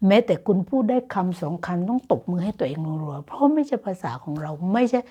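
A woman's voice: lowish voice, lively intonation, fast talker, warm tone, husky. A Thai woman teaching Dutch grammar in a casual online lesson, explaining patiently and encouraging her students. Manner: encouraging and motivational.

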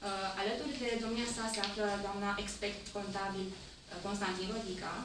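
A woman's voice: mid-range voice, fairly even intonation. A woman in her thirties hosting a live raffle draw at a clinic, introducing guests and coaxing a small child to pick the winner, in a cheerful, upbeat way. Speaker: event host. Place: large clinic lobby indoors. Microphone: handheld mic filmed by a far camera. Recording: echoey room from far off, noisy.

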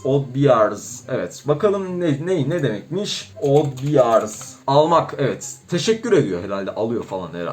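A young man giving chatty let's play commentary as a gaming YouTuber, joking with his viewers and stumbling over foreign words as he reads them. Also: high-pitched.

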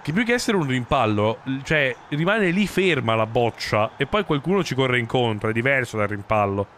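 A man's voice: medium pitch, lively intonation, moderate pace, a bit bright. Emphatic man commentating over game noise. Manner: emphatic, exclaiming, swearing. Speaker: game streamer. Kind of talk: live football video game commentary. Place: indoor streaming room. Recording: clear background game noise. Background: football game stadium ambience.

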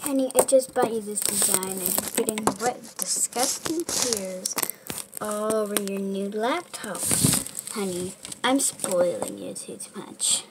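A woman's voice: mid-range voice, a little slow, close to an everyday voice. A woman voicing a bossy, fussy mother who scolds her teenage daughter in a homemade toy figure film. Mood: scolding. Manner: scolding, nagging, self-important. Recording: home recording with steady background noise.

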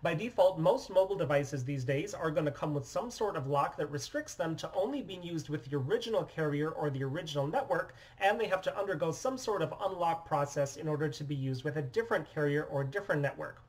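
Man explaining a phone demo, slightly high. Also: brisk, hardly any pauses, breathy edge, low-quality recording. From United States. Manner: steady, explanatory and methodical. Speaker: phone repair business owner. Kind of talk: scripted product demonstration. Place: small indoor office room.

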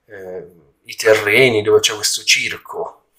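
A man giving a casual spoken film review, haltingly, often searching for words, in a slightly echoey room. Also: on the low side, bright, forceful tone. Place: indoor room at home during a move.

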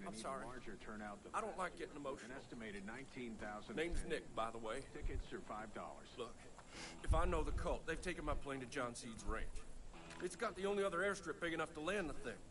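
An actor playing a desperate, rugged video game pilot who pleads urgently and swears. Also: male voice, on the high side, animated, normal speed, pauses often, crowd noise, natural voice.

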